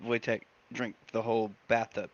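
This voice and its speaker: A man co-hosting a podcast in casual chat, joking and excitable. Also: lowish voice, moderate pace, no echo, highs cut off. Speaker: podcast co-host.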